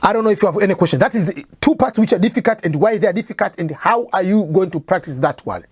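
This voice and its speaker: A fast-talking woman with a medium-pitched, slightly mellow, husky voice and lively intonation teaches English test preparation in an informal lecture. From East Africa and a native Swahili speaker, she has an East African accent and keeps restating ideas with examples; there's no echo.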